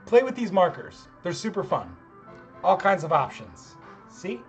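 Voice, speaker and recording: High and sing-song, the voice of a middle-aged chemistry professor moves at a measured pace through a screen-recorded lab tutorial, over dull audio and soft background music. He's casual, rambling and self-deprecating, and his voice is getting tired.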